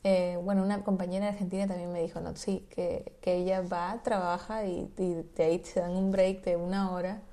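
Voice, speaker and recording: Speaking at a moderate pace with few pauses, this woman has a lowish voice. She's a graduate student from Peru, chatty and fluent, spinning lively stories in relaxed conversation.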